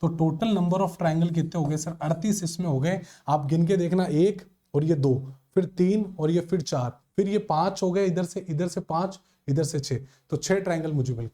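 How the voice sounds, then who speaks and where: Male reasoning tutor, high-pitched and soft-toned, counts aloud and coaxes students. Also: moderate pace, few pauses. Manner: addresses students as sir and dear children, counts aloud. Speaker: teacher. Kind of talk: exam-prep reasoning lesson.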